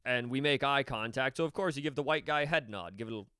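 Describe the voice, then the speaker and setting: A man's voice: mid-range voice, fast talker, clear, resonant tone, dry recording, studio quality. A young man co-hosting a podcast, telling a story in casual, profane chat and acting out quotes. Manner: animated, profane, acts out quotes. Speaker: podcast co-host.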